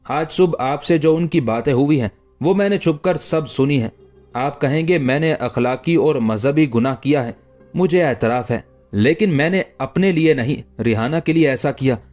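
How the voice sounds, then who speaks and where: A man's voice: mid-range voice, moderate pace, darkish tone, soft background music, natural voice. A man reading the lines of an earnest young woman confiding a secret in an audiobook story. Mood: urgent.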